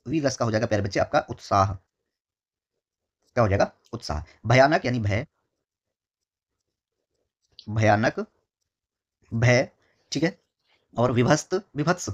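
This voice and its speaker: A man teaches an exam-prep lesson in a husky, slightly breathy voice at a middle pitch. He repeats each key term slowly and keeps asking "ठीक है". He calls his students his dear children. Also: highs cut off.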